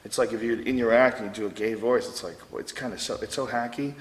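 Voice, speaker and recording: Loud joking man with a mid voice. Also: medium pitch, fairly even intonation, quick pace, long reverb tail, poor audio. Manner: loud, joking, swears freely. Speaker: podcast host. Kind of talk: casual backstage chat. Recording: faint background noise.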